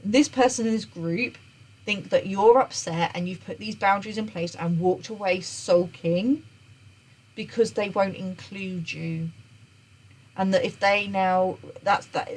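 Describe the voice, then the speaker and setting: Female tarot reader with a husky voice and mid-range pitch. Earnest and off the cuff, she repeats and restarts phrases. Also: rough recording. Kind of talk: unscripted tarot reading monologue.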